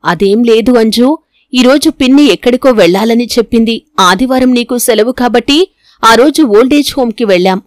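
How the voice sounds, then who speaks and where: A woman voicing a widowed father who talks in a brisk, placating way. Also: a little high, no room sound, clean studio sound, close to an everyday voice. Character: widowed father, hurried and uneasy.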